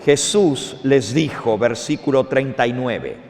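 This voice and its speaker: A man's voice: mid-range voice, slow, darkish tone. A man preaching a sermon as a pastor, reading scripture and pressing listeners with rhetorical questions in an impassioned way. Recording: long reverberation.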